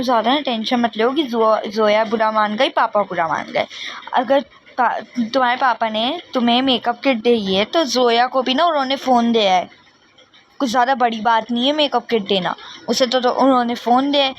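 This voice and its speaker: A woman's voice: fairly high pitch, moderate pace, slight background noise, close to an everyday voice. A woman voicing a pushy young friend who insists, meddles and talks the other girl round. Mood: persuasive.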